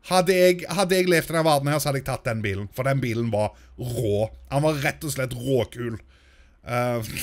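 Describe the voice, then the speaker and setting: A Norwegian man chatting casually through a let's-play, talking to his game characters and getting excitable. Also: mid-range voice. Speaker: gaming YouTuber.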